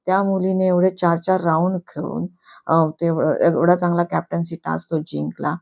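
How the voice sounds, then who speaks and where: A woman's voice: fairly low pitch, flat delivery, normal speed, vocal fry, darkish tone. A woman giving a casual, chatty review on her YouTube channel, slipping English words into her talk.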